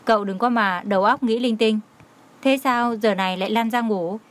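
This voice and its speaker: A man's voice: high-pitched, steady tone, moderate pace, fairly bright tone. A woman voicing a stern young male boss who gives short, commanding orders. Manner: curt, commanding.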